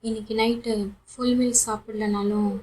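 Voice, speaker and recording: A woman's voice: fairly high pitch, level tone, moderate pace, mellow, natural voice, low-quality recording. A woman reading as a teasing young man. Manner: playful, teasing.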